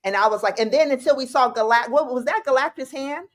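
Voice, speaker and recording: Excitable woman co-hosting a fan podcast. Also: high voice, fast talker. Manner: excitable, talks in bursts with restarts. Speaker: co-host. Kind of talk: casual fan chat on a podcast.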